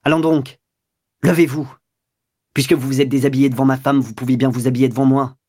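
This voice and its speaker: A man's voice: medium pitch, flat delivery, rapid-fire, darkish tone, no echo, close to an everyday voice. A vengeful husband, voiced by a male storyteller, sneers and snarls with open scorn. His delivery is aggressive and biting. The reading is close and dry. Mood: sneering anger.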